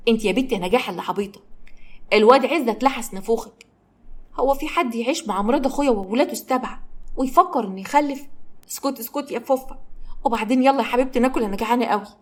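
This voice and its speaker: A woman's voice: on the high side, rapid-fire, close to an everyday voice. A woman with an Egyptian accent voicing a bossy older aunt who scolds and mocks. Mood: scolding. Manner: scolding and sarcastic.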